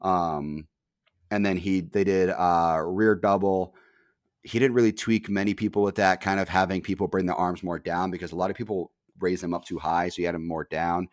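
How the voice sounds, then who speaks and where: A man's voice: sits low, fairly even intonation, moderate pace, no room sound, studio quality. A young man hosting a podcast, telling a rambling story in casual chat, full of fillers and casual swearing. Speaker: podcast host.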